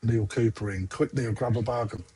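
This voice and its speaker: Warm and husky, this medium-pitched man's voice keeps a fairly even intonation at normal speed. He's running a casual livestreamed koi auction, chatting away while getting somewhat distracted by the several windows he's juggling.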